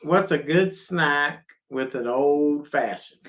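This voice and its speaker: Man hosting a relaxed live chat show, reading viewer comments with easy laughter. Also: fairly high pitch, slow. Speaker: livestream host.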